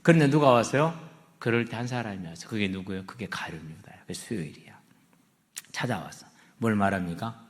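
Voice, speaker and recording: A man's voice: lowish voice, fast talker. A middle-aged male pastor, preaching a story-driven sermon and asking his congregation questions. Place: church sanctuary. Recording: echoey church hall.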